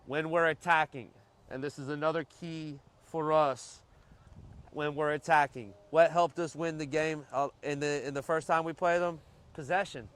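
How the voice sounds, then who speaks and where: Male soccer coach, slightly high-pitched, delivering an instructive team pep talk with repeated points and check-in questions. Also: steady tone, normal speed, a bit bright, smooth. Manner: checks understanding with short questions. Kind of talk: pre-game and halftime pep talk to a team.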